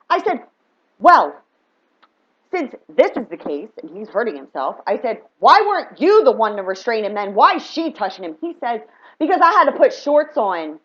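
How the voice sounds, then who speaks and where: Woman, fired up and emphatic, personal storytelling, acts out dialogue, fairly high voice, dull lo-fi sound. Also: very animated, a little fast. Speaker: spiritual reader and vlogger.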